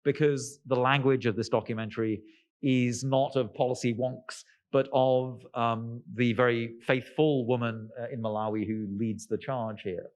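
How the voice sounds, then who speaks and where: A male author answering interview questions in a posh-sounding voice, halting with lots of fillers and restarts, with wry, sardonic asides. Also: mid-range voice, steady tone, a little mellow. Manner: self-described posh-sounding voice.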